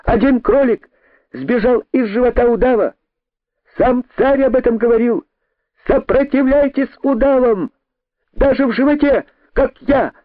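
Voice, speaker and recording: A man voicing a bold, defiant male rabbit who shouts cheeky insults in a high, loud voice. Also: unhurried, no echo. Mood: rousing shouts. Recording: dry tinny phone-like sound.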